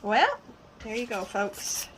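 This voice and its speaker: A Canadian Prairie woman talks casually and playfully as she works on a client's nails. She laughs often and teases back and forth. Clicks and sanding rasp loudly behind her voice. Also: mid-range voice, steady tone, slow. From Saskatchewan, Canada. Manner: bubbly, teasing, laughs easily. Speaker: nail technician, channel host. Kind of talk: casual chat while working. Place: nail salon, indoors. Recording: noisy salon, nail sanding behind.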